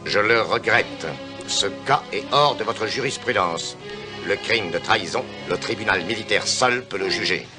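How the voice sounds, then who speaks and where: Man playing a low, imperious villain commandant. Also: normal speed, music in the background, close to an everyday voice. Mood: curt, formal. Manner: curt, commanding. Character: greedy, ruthless, imperious military commandant, villain. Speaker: military commandant. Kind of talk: French-dubbed television adventure acting.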